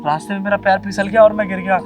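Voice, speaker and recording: A man's voice: high-pitched, fairly even intonation, racing, faint music behind, close to an everyday voice. A man playing an earnest, grateful stranger. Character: grateful man who fell in the street.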